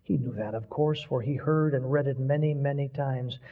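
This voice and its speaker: A man preaching, telling a story in a slow, solemn voice. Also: mid-range voice. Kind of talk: sermon story reading. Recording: dull lo-fi recording with long hall reverb.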